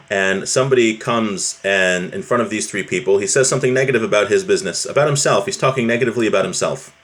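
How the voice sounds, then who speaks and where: His voice on the low side, a man teaches a casual religious class, reading passages aloud and talking them through. He frequently pauses to check in with those listening.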